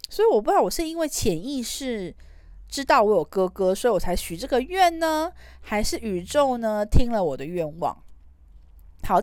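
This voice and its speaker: A woman's voice: medium pitch, a little mellow, no echo. A woman with a Taiwanese Mandarin accent hosting a podcast, telling a personal story in a chatty, rambling way. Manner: chatty, rambling, trailing particles. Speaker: podcast host. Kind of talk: casual storytelling monologue.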